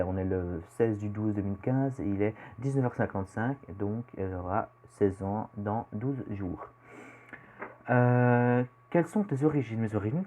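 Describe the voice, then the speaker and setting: This is a Belgian teenage boy with a Belgian French accent, a youtuber answering questions about himself in a casual self-introduction vlog. He rambles and hesitates, leaning on lots of fillers. His voice is on the low side and darkish, with slight background noise.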